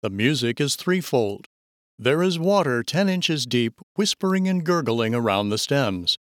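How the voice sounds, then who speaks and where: A man narrating audiobook excerpts in a measured, even storytelling manner. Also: medium pitch, no echo, studio quality.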